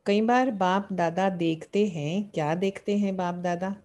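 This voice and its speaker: A woman gives a devotional talk in a mellow, warm voice. She poses questions to her listeners and answers them, returning again and again to the same phrases. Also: fairly low pitch, a little slow. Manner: asks rhetorical questions and answers them, repeating key phrases. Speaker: spiritual teacher. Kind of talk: devotional sermon explaining scripture.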